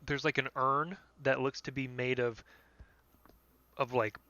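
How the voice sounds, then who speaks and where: Bright-toned man game master. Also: medium pitch, flat delivery, a little slow, no echo. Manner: loose, descriptive narration with many "like" fillers. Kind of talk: narrating a tabletop game.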